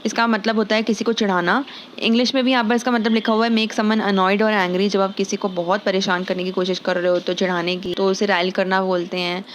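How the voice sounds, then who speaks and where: Lady explaining english vocab, slow careful example sentences, lots of um, faint hiss behind. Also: medium pitch, flat delivery. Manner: explains each word patiently, reads English sentences out slowly; frequent "अ" fillers. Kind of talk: Hindi-language vocabulary lesson.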